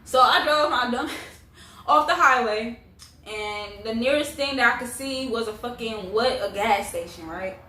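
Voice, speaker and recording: A young woman with a slightly high voice chats through a story in a blunt, slangy way, cursing freely. She sounds roomy and set back from the microphone. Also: normal speed, sharp tone. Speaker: vlogger telling a story. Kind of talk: casual animated storytime chat. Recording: roomy echo, distant mic, faint noise.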